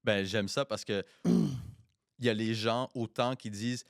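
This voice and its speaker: A man in his thirties with a low voice talks in casual podcast chat, jumping between French and English mid-sentence. He states his opinions firmly and emphatically, and the sound is close and dry. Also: steady tone, measured pace, creaky, no echo. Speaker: podcast co-host.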